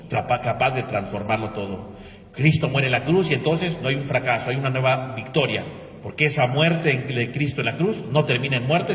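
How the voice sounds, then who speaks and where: A man's voice: medium pitch, a little hiss or hum. A man preaching at Mass as a priest, asking rhetorical questions and leading prayers, his voice ringing with cathedral echo. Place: large church. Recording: echoey church hall from far off.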